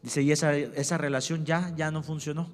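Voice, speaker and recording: A man's voice: on the high side, steady tone, moderate pace, in a large hall, soft background music. A man preaching a sermon as pastor, emphatic, who keeps calling out to his congregation. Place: church.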